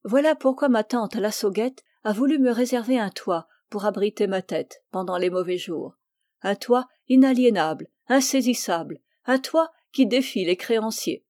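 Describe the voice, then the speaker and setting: A woman's voice: medium pitch, moderate pace, a little mellow, no echo, clean studio sound, natural voice. A woman reading the part of a frank, spirited young woman painter in an audiobook. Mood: cheerful.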